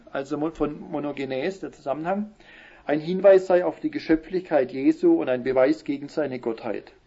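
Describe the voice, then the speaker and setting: Bible teacher, male, fairly high husky voice, slow stressed scripture reading, muffled lo-fi recording. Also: mellow. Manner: explains Bible verses, reading quotes slowly with emphasis. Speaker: preacher.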